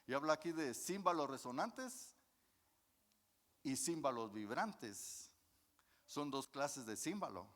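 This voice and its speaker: A man's voice: medium pitch, a bit bright. Folksy preacher man in a reverberant church. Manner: folksy, addresses the congregation as brothers, asks and answers questions. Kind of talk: sermon. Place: church hall.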